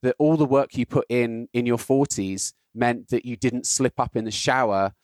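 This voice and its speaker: A man's voice: mid-range voice, fairly even intonation, normal speed, a little mellow, no room sound. British male guest, explanatory podcast chat, tags points with "right?", dead-dry mic. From Britain. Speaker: guest, health data scientist. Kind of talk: casual podcast conversation.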